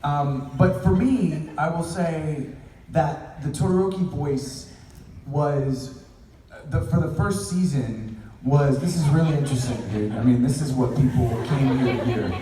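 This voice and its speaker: A man's voice: fairly high pitch, a little slow, crowd noise. A male voice actor chatting reflectively on a convention panel, rambling through his explanations. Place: large convention panel hall. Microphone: panel mic through hall speakers, caught on a phone in the audience. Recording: echoey hall, phone from far off.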